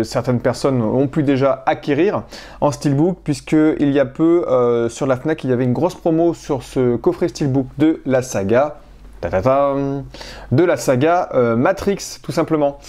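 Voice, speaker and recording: In a casual vlog, a collector from France shows off the purchases in his film collection, speaking hesitantly with many fillers and restarts. His voice is medium in pitch, with a warm tone.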